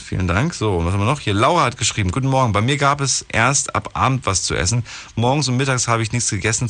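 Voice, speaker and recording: A man's voice: lowish voice, a bit bright. Chatty male radio call-in host. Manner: chatty, reads listener emails aloud and comments. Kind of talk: casual call-in radio chat.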